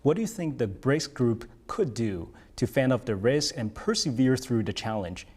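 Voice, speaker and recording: A man with a medium-pitched voice works as an interviewer. He puts formal, prepared questions in an articulate broadcast style. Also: lively intonation, normal speed, a little mellow, slightly rough.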